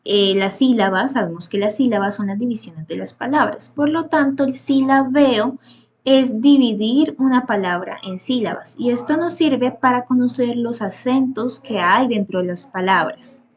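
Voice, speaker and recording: A woman's voice: fairly high pitch, normal speed. A woman presenting a grammar lesson as a student presenter, explaining step by step with some hesitant fillers and self-corrections.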